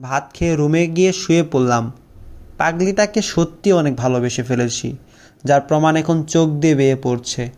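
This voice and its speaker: A man's voice: on the high side, normal speed, a little mellow. A young man narrating a first-person story, with a sorrowful, heartfelt storytelling manner.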